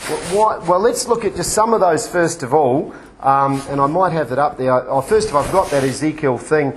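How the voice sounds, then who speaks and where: A man with a slightly high voice gives a sermon that works like a lecture. He talks in a halting, discursive way, restarting and correcting himself as he explains. The recording has some noise and small clicks behind him. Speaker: preacher giving a teaching. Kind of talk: sermon-like lecture with quotations read out. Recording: clearly noisy recording with clicks.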